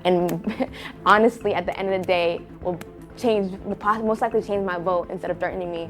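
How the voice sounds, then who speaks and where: A woman's voice: on the low side, steady tone, fairly quick. A woman reality game contestant speaking candidly and emotionally in a rambling, casual way. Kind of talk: casual confessional and strategy talk. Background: music.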